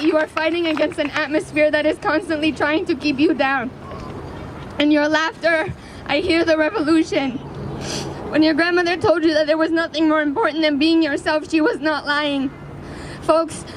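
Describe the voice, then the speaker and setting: Woman activist doing a rally speech outside, really high voice, earnest n deliberate, traffic n city noise behind her. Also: steady tone, rough recording. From Canada. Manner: earnest, impassioned, deliberate oratory. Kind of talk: prepared public speech. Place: outdoors in a city square. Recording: outdoor public square with city traffic noise.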